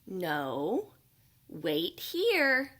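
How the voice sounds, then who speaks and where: A woman voicing a male panda baker in a storybook reading, talking slowly and hushed as he keeps a secret. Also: on the low side, wildly swooping pitch, full character voice. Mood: secretive.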